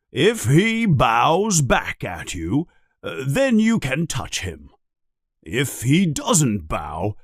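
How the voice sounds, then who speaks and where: A man reading the lines of a big, kindly male giant teacher, who gives slow, coaxing instructions. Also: a little high, husky, no echo, clean studio sound, full character voice.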